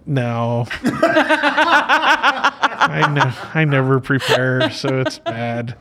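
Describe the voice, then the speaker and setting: A man's voice: medium pitch, expressive, extremely slow, crowd noise. A man hosting a casual podcast interview, talking in a chatty, jokey, informal way. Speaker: podcast host. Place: podcast studio.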